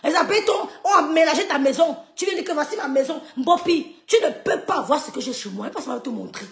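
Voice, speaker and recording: A woman's voice: sits high, lively intonation, fast, vocal fry, reverberant. A woman, ranting on a live stream at online critics in a scornful, mocking way with repeated insults. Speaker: social media live streamer. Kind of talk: heated rant at online critics.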